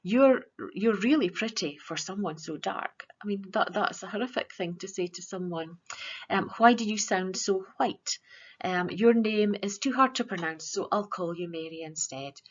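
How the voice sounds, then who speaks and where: A woman teacher presenting a virtual school assembly in an earnest, measured way, with frequent ums. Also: medium pitch, lo-fi sound.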